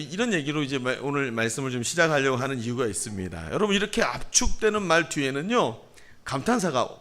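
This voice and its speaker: A man's voice: high-pitched, pushed and bright. A man, a pastor, preaching a sermon and reading scripture aloud, playfully mimicking dialect phrases. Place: church sanctuary.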